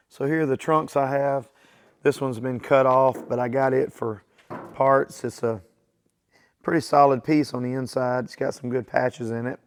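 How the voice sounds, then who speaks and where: Though weakened by illness, this man's medium-pitched voice stays clear and resonant as he talks easily to viewers of his garage channel. It's casual, plain workshop vlog chatter recorded in his home garage.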